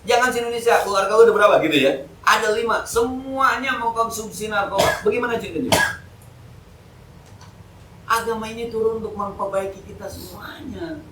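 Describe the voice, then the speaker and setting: Male ustadz, slangy and joking, slightly high voice, roomy distant mosque recording. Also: a little fast, slight background noise. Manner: joking, colloquial, lively street slang. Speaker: ustadz giving an Islamic study lecture. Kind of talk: casual evening sermon. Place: mosque hall. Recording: echoey hall, mic from a distance.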